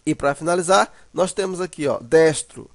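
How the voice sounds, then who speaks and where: Male teacher, gravelly and slightly high-pitched, walking through examples one by one. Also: normal speed, dry recording. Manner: repetitive, checks in with "né" and "ó"; points at examples on a board. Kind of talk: explanatory grammar lesson.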